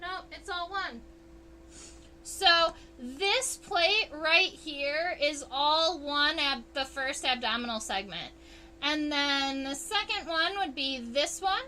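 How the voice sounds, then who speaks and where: A woman entomologist hosts a casual livestream, explaining insect anatomy under a microscope and reading viewers' chat aloud as she answers. Her voice sits high with a sharp tone, and her manner is chatty and unhurried. There's slight background noise.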